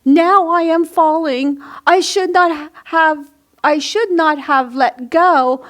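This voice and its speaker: Woman voicing Tiny T. Rex, a high-voiced little dinosaur. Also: slow pace, fairly bright tone. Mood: alarmed, regretful. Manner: simple, solemn childlike declarations. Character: tiny earnest young dinosaur, innocent and determined. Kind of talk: children's picture book read-aloud.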